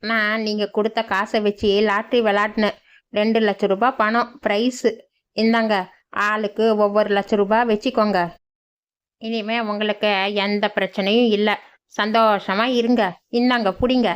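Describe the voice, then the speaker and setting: A woman voicing a clever, boastful young village man in a cartoon, speaking low and slow. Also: flat delivery, clean tone, lightly acted. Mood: reassuring. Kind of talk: cartoon voice acting. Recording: dull lo-fi sound.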